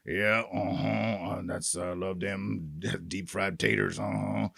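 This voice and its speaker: Man doing a low grunting slow drawler. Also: steady tone, creaky, a bit bright, slightly rough, dry recording, clean studio sound, exaggerated voice. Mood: content.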